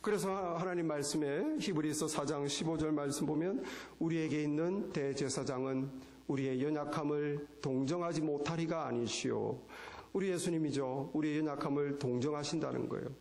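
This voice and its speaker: A man's voice: fairly high pitch, moderate pace, creaky, darkish tone. A man preaching a sermon as pastor, asking rhetorical questions and acting out quoted lines. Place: church sanctuary. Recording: echoey church hall.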